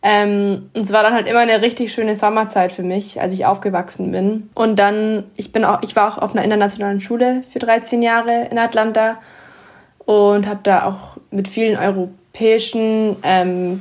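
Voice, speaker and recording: Twenties woman guest from the US South, relaxed, filler-heavy chat. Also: medium pitch, normal speed. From USA (Georgia). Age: 20s. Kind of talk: casual interview chat.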